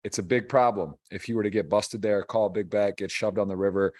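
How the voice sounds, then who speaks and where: Man, lowish voice, poker tournament commentary, conversational, stream host. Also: fairly even intonation, brisk, a little mellow.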